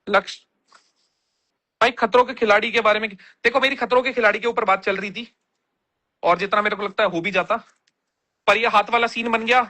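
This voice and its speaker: A man's voice: sits high, pushed and bright. A man on a casual livestream, reading viewer comments aloud and answering them bluntly with plenty of slang.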